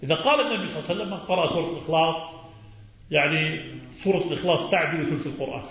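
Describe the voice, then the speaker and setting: Male religious teacher, slightly high voice, quizzing and repeating; heavy echo, dull sound. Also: fairly bright tone, slight background noise. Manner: didactic, quizzes the audience and repeats key words. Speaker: Islamic scholar answering questions. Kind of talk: religious lesson. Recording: very echoey, muffled recording.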